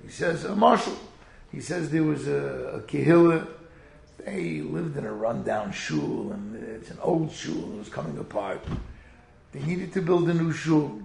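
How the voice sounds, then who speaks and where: A man with a Yiddish-inflected American accent gives an informal sermon as a rabbi, telling stories in an animated way and sprinkling in Hebrew and Yiddish words. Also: fairly high pitch, measured pace, gravelly, reverberant. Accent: Yiddish-inflected American English. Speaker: rabbi giving a Torah talk.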